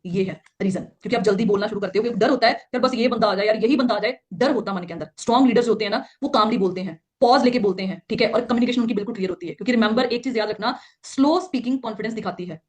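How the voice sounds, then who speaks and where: A woman trainer explaining communication in network marketing point by point, often checking in with her listeners and acting out pleading example lines. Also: a little high. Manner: acts out quoted examples in a pleading voice. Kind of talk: slide-based training talk.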